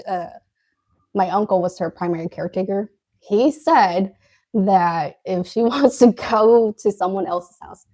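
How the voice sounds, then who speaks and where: A woman's voice: mid-range voice, darkish tone. A woman co-hosting a casual live stream, telling a story while eating and laughing often. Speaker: co-host.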